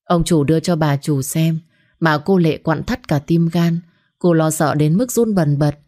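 A woman's voice: low-pitched, measured pace, dark tone. A woman narrating an audio story and voicing every character herself.

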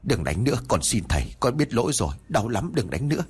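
A man voicing the ghost of a dead man who possesses someone, shouting curses, then crying and begging for mercy. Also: fairly low pitch, big pitch swings, fast, husky, exaggerated voice. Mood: pleading. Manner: shouting, whining and sobbing.

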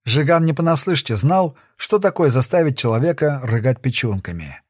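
A man narrating a crime thriller audiobook in a dramatic, expressive scripted reading. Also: mid-range voice, moderate pace, no room sound, clean studio sound.

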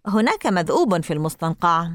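A woman's voice: on the low side, sing-song, quick pace, a bit bright, no echo, clean studio sound. A woman reading aloud and voicing a teasing, spooky-minded young girl in an audiobook. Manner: playful, eager, teasing.

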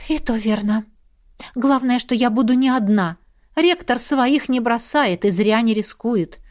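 Woman reading a fantasy audiobook in first person, expressive, kinda high voice. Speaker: audiobook narrator.

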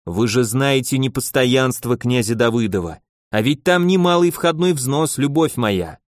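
A man's voice: mid-range voice, expressive, normal speed, dry recording, clean studio sound, close to an everyday voice. A man voicing a timid henpecked nobleman who pleads with his wife in a plaintive, sighing way. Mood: pleading. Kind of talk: audiobook character voice.

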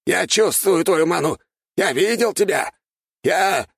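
A man voicing a desperate old male archmage bent on vengeance, shouting in a strained, hoarse voice. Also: mid-range voice, very slow, no echo, studio quality, voice pushed up. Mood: panicked. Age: older.

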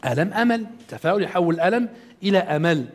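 Animated high-voiced man lecturing fast. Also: a little hiss or hum. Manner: animated, asks the audience questions and answers them. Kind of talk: interactive lecture to a live audience.

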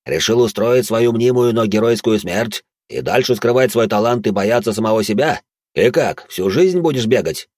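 A man's voice: fairly low pitch, lively intonation, normal speed, darkish tone, no room sound. A man voicing a sneering old warrior. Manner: gruff, sneering, barks commands. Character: mocking battle-hardened old man.

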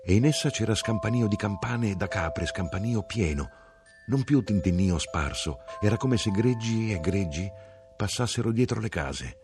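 A man giving an expressive, theatrical reading of a literary audiobook. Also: lowish voice, moderate pace, music in the background. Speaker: audiobook reader.

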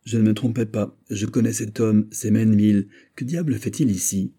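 A man voicing a seasoned, wary musketeer with gruff exclamations and dry asides in an audiobook. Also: on the low side, fairly even intonation, moderate pace, mellow. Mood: alarmed. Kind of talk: audiobook character voice.

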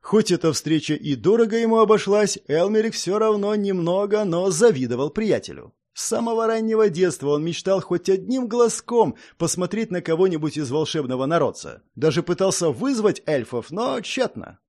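A man narrating a fantasy audiobook in an expressive storytelling manner. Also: high voice, moderate pace, hardly any pauses. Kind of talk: scripted narration.

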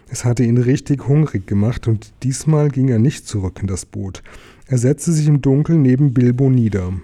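A man calmly reading a children's fantasy book aloud as narrator. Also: mid-range voice. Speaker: audiobook reader. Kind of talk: storybook narration.

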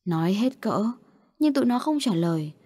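A young woman narrating a story aloud in a lively storytelling way. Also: mid-range voice, normal speed, dry recording, clean studio sound.

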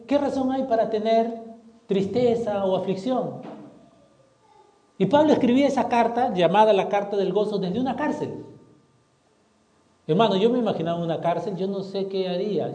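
A man pastor preaching a sermon, asking the congregation questions and swinging from loud to hushed. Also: sits high, echoey room. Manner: preaching with rhetorical questions, dramatic shifts in volume.

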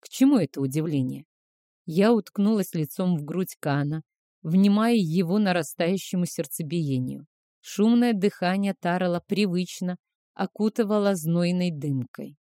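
Woman audiobook narrator, steady first-person reading, dry close sound. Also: lowish voice, measured pace, no room sound.

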